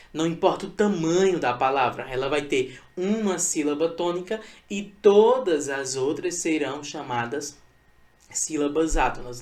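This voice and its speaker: Brazilian man teaching patiently. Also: on the high side. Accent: Brazilian Portuguese. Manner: patient, repetitive explaining with checking "tá?" tags. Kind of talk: recorded online lesson.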